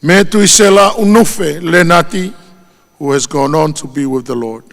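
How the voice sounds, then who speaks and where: Delivering a solemn, measured funeral eulogy, a native Tongan speaker with a Tongan accent lifts his voice on every name. He has a fairly high, slightly bright voice with vocal fry, heard through long hall reverb.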